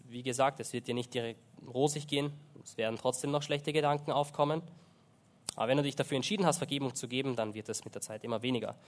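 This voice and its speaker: An earnest man preaching a sermon in a church. He talks in a halting way, full of fillers and restarts, and he slows down to stress key words when he turns to prayer. His voice sits at an ordinary middle pitch for a man.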